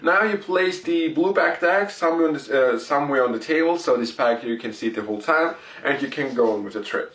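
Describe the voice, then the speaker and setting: A man presenting card tricks and explaining them step by step, in deliberate, short broken phrases. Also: medium pitch, fairly bright tone. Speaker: magic tutorial presenter. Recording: roomy echo, distant microphone.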